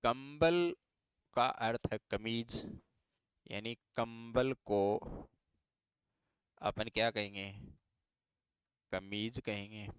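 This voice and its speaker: Man, slow steady pace, clear smooth voice, dry close sound, patient exam teacher. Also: lowish voice, no room sound. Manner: patient, repeats questions to students. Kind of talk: reasoning exam lesson.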